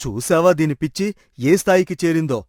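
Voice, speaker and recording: A woman voicing a gruff, scolding middle-aged husband in a cartoon story. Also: sits low, animated, a little fast, a little mellow, dry recording, studio quality, voice pushed down. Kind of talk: storybook voice acting.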